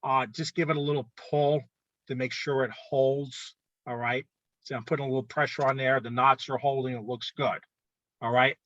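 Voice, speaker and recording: A man presenting rules to an art club in a casual instructional talk, often pausing to ask "okay?". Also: mid-range voice, level tone, a bit bright, dry recording, muffled recording. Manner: conversational, frequent "okay?" check-ins.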